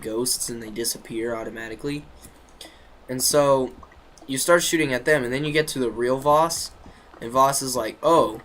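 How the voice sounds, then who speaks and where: A man's voice: medium pitch, a bit bright, a little hiss or hum, poor audio. A man casually recapping a video game's story, rambling with lots of fillers, restarts and slangy jokes. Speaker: gaming video creator.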